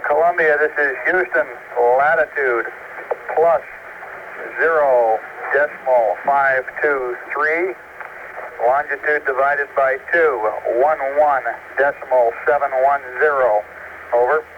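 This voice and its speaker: Male mission control communicator, heard over a crackly, hissy radio link; measured procedure callouts, numbers read digit by digit. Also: medium pitch, fairly even intonation, phone-quality sound. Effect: crackly two-way radio transmission.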